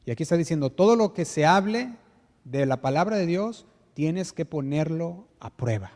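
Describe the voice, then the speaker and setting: A male pastor with a Mexican Spanish accent delivers an emphatic sermon. His voice is slightly higher than most men's but dark and mellow. It carries a long church-hall reverb, and he slows down to stress the scripture he reads. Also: animated. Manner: earnest, emphatic preaching with rhetorical questions; reads scripture aloud, slowing on key words. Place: church sanctuary.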